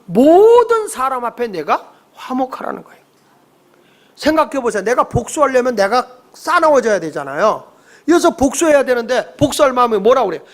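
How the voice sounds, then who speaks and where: Male pastor, sermon, high-pitched voice, animated preaching, acts out voices. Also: normal speed. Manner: lively preaching, leads congregation in reading scripture; acts out quarrels in character voices.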